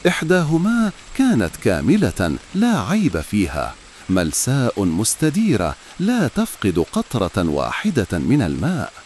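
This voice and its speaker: A man narrating a calm bedtime story in a soft, expressive way. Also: fairly low pitch, a little hiss or hum.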